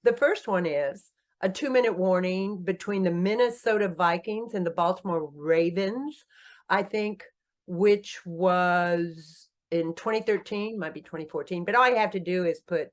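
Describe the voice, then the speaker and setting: This sixty-something businesswoman and author tells her story on an informal podcast, unhurried throughout. She's vivacious and jokes at her own expense, laughing often as her pitch climbs with each quip.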